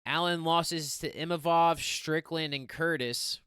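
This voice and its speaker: A young man hosting a casual fight-picks show, rambling excitedly with lots of slang. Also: on the high side, unhurried, smooth, no room sound, studio quality. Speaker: MMA fight picks host. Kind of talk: casual fight preview monologue.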